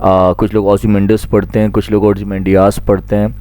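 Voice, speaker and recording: A man's voice: on the low side, level tone, a little fast, mellow. A man giving a classroom lecture that explains a poem. He is patient, repeats his points, and asks questions that he then answers himself. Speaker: teacher.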